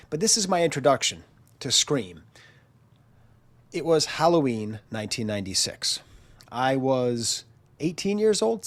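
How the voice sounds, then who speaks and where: Congested and nasal from a chest cold, a man in his 40s who hosts a channel tells a self-deprecating story as a casual monologue, performing the quoted lines. His voice is on the high side.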